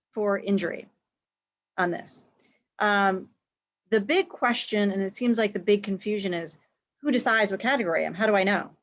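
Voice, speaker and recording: A woman speaking as a guest expert on a live Q&A, explaining in a conversational way with frequent fillers and occasional quick bursts. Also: medium pitch. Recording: dull, dry, slightly lo-fi.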